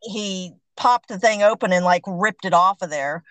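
A woman's voice: medium pitch, moderate pace, a bit bright, no room sound, low-quality recording. Woman host, dry close sound. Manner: empathetic, relates own experience. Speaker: interview host. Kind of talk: conversational interview.

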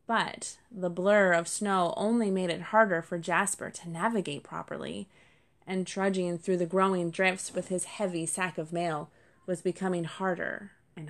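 A woman narrating a children's storybook, gentle and speaking to the listeners directly. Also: lowish voice.

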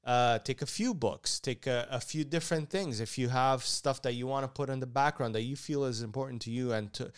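A man's voice: medium pitch, clear, resonant tone. A man co-hosting a casual chat, talking in a rambling way with frequent stutters and restarts. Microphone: studio microphone he keeps bumping.

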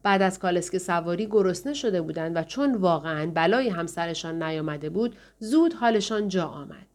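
A woman narrating an audiobook in steady storytelling fashion, voicing the characters in turn. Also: lowish voice. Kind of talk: scripted narration.

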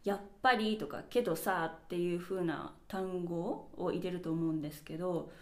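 A woman's voice: lowish voice, steady tone, normal speed. A woman hosting her own podcast, chatting casually and reflectively as she walks through examples one by one. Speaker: podcast host. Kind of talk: casual solo podcast talk. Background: birds chirping.

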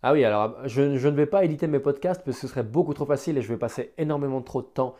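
A man improvising a solo podcast, hesitant and self-deprecating as he thinks aloud, with careful, deliberate articulation. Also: mid-range voice, mellow. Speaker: amateur podcast host.

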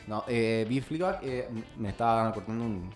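A man's voice: lowish voice, lively intonation, moderate pace, faint music behind. A man with a Chilean Spanish accent, a podcast co-host chatting casually and rambling through recommendations. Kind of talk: casual chat.

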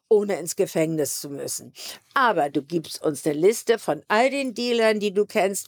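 A woman putting on a smug, low-voiced undercover cop. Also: dry recording, studio quality, close to an everyday voice. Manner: calm, smug, lowered voice. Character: cool, condescending male undercover cop.

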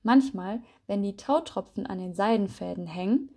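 A merry male spider artist who loves his glittering webs, bright with enthusiasm, as a woman reads him. The voice stays mellow and smooth, a jolly storybook craftsman. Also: mid-range voice, normal speed, close to an everyday voice. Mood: cheerful. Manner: cheerful, enthusiastic.

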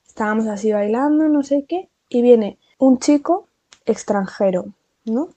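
A young woman from Spain with a Spanish accent, telling a casual storytime vlog in a chatty, animated way full of fillers and asides. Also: on the high side, a little slow, dry recording.

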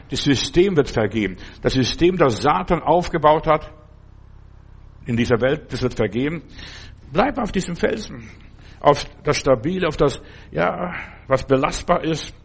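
An older male preacher delivers an earnest, exhorting sermon, speaking straight to each listener. His voice sits a little high for a man and has a husky, breathy grain.

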